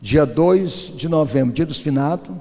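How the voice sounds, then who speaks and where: A man preaching a sermon in a church, telling stories with animated delivery and often asking the congregation "isn't it?". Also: fairly high pitch, a little slow. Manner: animated storyteller, often turning to the congregation with "querido" and "não?". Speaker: pastor. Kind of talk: sermon with storytelling. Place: church sanctuary. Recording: church hall with long reverb.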